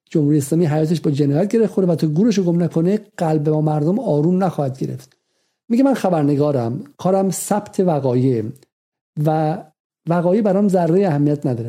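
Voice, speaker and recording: Commentary host, man, higher-pitched and very bright tone, argumentative monologue with emphatic repetition. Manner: argumentative, repeats phrases for emphasis.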